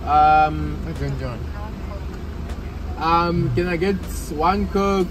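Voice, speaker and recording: A young man orders food at a drive-through speaker from his car. His voice sits fairly high, and he pauses and repeats parts of his order. Road noise from the car is clearly heard behind him. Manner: hesitant, repeats himself and asks for things again. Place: inside a car. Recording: noisy car interior.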